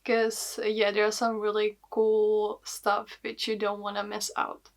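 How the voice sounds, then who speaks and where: A woman in her twenties speaks English with a Czech accent, chatting casually to her viewers. Her pitch sits in an ordinary middle range and stays quite even, without big swoops. She talks loosely, filling her sentences with "like" and "uh". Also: takes it slowly. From Czech Republic. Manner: chatty, frequent fillers like "like" and "uh". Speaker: vlogger. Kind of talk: casual vlog talk.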